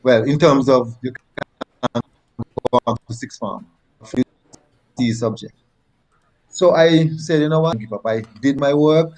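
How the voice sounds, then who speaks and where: A Nevisian man, a former track athlete from Nevis, Saint Kitts and Nevis, tells personal stories as an interview guest on a low-quality recording. His medium-pitched voice is a little mellow and unhurried, with long pauses, and he speaks conversationally in a Nevisian Caribbean accent, repeating phrases for emphasis.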